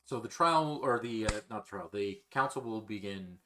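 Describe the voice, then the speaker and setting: A man running a tabletop role-playing game as game master, talking slowly with many fillers and pauses. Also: on the low side, expressive, pushed and bright. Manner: slow, halting, many fillers. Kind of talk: narrating a tabletop game over a call.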